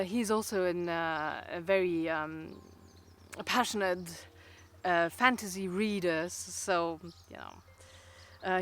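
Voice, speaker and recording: A vlogger from Luxembourg talks to camera in a lowish, fairly bright voice, with a little hiss or hum in the audio. Luxembourgish is her first language and colors her accent, and her casual chat is rambling and hesitant, packed with fillers and restarts.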